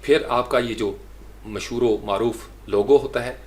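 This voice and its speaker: A man from Pakistan teaching English pronunciation in a casual tutoring style, repeating words slowly and stretching their syllables to show where the stress falls. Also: mid-range voice, a little mellow. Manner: explanatory, conversational tutoring. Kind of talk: spoken language lesson.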